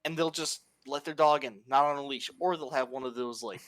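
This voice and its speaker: A man telling stories in casual podcast chat, animated and profane. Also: medium pitch, brisk, dry recording. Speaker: podcast co-host.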